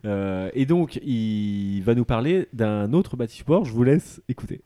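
A man's voice: medium pitch, animated, unhurried, loud music behind the voice. Hesitant man explaining in a podcast. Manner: hesitant, many restarts, explaining. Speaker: podcast columnist. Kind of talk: casual podcast chat.

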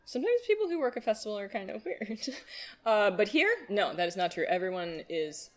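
A woman's voice: medium pitch, lively intonation, a little fast. A woman chatting casually as an interview guest, playful, slangy and given to rambling. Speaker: festival guest being interviewed, poet. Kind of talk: casual chat.

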